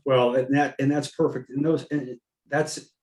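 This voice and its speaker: Male call host, motivational coach, mellow voice, echoey room, video call sound. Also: mid-range voice, little pitch movement, a little slow. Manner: encouraging, upbeat, repeats words.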